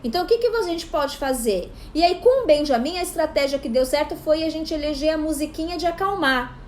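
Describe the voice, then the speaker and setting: A woman in her thirties, a psychopedagogue, giving casual parenting advice to camera in an animated way. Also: sits high, brisk, slight background noise. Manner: animated, acts out parent and child voices. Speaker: psychopedagogue and parenting channel host.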